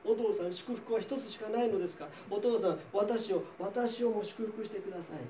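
A man's voice: high-pitched, fairly quick, mellow, distant mic, voice pushed up, close to an everyday voice. A man reading a pleading, bitter elder son. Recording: roomy, voice from off-mic, faint noise.

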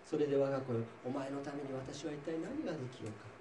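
A man's voice: medium pitch, fairly even intonation, quick pace, far from the mic, lightly acted. A man reading the lines of an old blind father who is doubtful and later shaken. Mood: solemn. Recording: roomy, voice from off-mic, faint noise.

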